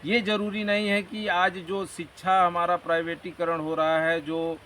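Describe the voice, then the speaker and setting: A man's voice: high-pitched, level tone, normal speed, sharp tone. Earnest Hindi-speaking man, distant mic. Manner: earnest, motivational, rambling explanations. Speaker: interview guest. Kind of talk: conversational interview. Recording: distant mic with faint background noise.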